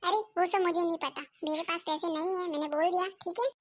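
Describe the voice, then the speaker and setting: A woman's voice: very high voice, fairly even intonation, quick pace. A woman voicing a stingy, scolding middle-aged mother-in-law in a cartoon, nagging about household costs.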